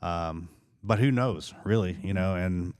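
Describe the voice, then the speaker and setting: A man hosts a podcast, asking easygoing questions and thinking aloud with plenty of "you know". His voice is very deep, smooth and resonant. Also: measured pace, a little mellow. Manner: conversational, asks questions, frequent "uh" and "you know". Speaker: podcast host. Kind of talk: casual podcast interview.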